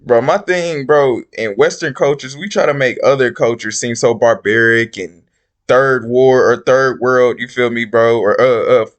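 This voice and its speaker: A man's voice: mid-range voice, normal speed. Slangy frat-bro man giving commentary. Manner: bro-heavy slangy frat-bro talk, repeats "bro" and "you feel me". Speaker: commentator reacting to a video. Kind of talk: casual reaction commentary.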